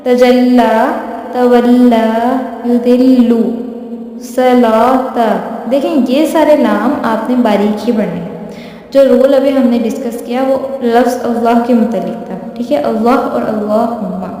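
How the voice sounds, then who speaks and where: A woman teaching a lesson patiently. She repeats each point, checks in with the listener, and slows down to draw out recited examples. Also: fairly high pitch, mellow. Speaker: tajweed teacher. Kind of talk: explanatory lesson. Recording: echoey room with long reverb.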